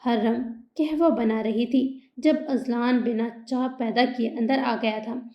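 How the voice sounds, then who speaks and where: A woman's voice: a little high, fairly even intonation, unhurried, echoey room, dull audio. A woman reading a romance novel aloud as an audiobook narrator, in a plain reading voice with only small shifts for the characters.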